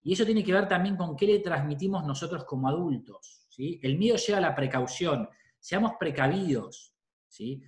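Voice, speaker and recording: A slightly high, darkish voice with lively intonation and normal speed belongs to a middle-aged Argentine psychologist with a Rioplatense accent. In an echoey room he chats informally with parents, regularly checking in with "¿sí?".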